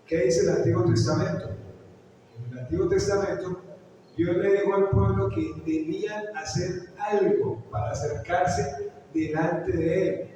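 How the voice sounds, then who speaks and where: A man's voice: sits high, steady tone, measured pace, mellow, a little hiss or hum. A man preaching a sermon as pastor, telling a story and putting questions to the congregation. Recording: echoey hall, picked up from far off.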